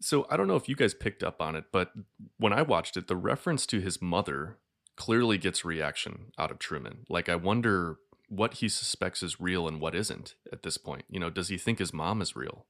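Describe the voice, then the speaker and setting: Deep-voiced man, eager film chat. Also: expressive, normal speed, fairly bright tone. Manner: enthusiastic, leans on "like". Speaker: podcast co-host. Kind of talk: casual film breakdown chat.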